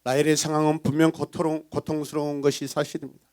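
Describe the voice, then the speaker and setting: A male pastor delivers a lively sermon with a slightly high voice. He swings between loud exclamations and quiet asides, and acts out voices of the people in his story. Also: fast talker. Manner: animated preaching, bursts into sung praise; acts out villagers' gossip in voices.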